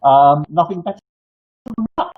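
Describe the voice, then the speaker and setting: An older man with toothless, slightly slurred articulation gives informal live advice as a clinic host, in a halting, rambling way with false starts and repetitions. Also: a little high, expressive, breathy edge. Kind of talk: informal live advice, answering viewer questions. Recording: dull, lo-fi sound.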